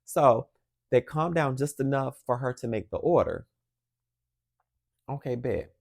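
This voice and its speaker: A woman hosting a podcast, telling a workplace story in an animated, laughing, casual way. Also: extremely low pitch, normal speed, vocal fry. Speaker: podcast host.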